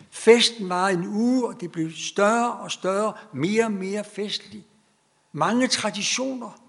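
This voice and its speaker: A man's voice: high-pitched, vocal fry, a bit bright. A middle-aged man preaching an earnest sermon, stretching out key phrases for emphasis.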